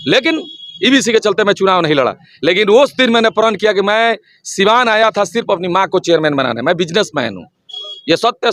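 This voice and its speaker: Fiery high-voiced campaigner. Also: male voice, dry recording. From Siwan district, Bihar, India. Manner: forceful, rhetorical, repeats his slogans. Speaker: local election candidate. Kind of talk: impassioned campaign interview.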